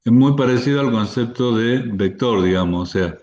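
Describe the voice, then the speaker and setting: A man's voice: mid-range voice, normal speed, a little mellow, lo-fi sound. A man giving an online university math lecture, explaining step by step with frequent restarts and fillers.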